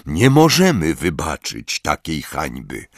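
A proud centaur leader speaks slowly and solemnly , as a male narrator plays him. His measured, stern words rise and fall widely. The recording is dry and close. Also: a bass voice, wildly swooping pitch, no echo, heavily acted.

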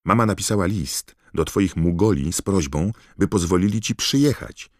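A man's voice: sits low, normal speed, dry recording, studio quality, voice pushed up, natural voice. A man voicing an eager, chatty teenage boy reading out his own letter in an audiobook. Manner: excited, rattling on.

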